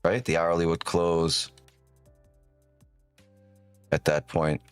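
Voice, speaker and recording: A man with a deep whiskey voice giving casual live-stream commentary, thinking aloud and often checking in with "right?", on a close microphone. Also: flat delivery, slow, smooth, dry recording, faint music behind. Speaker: live trading streamer, host.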